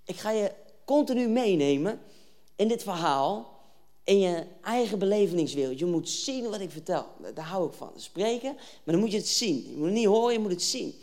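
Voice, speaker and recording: Animated youth preacher retelling scripture. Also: mid-range voice, normal speed. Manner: retells scripture in casual slang, acting out scenes. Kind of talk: lively storytelling sermon.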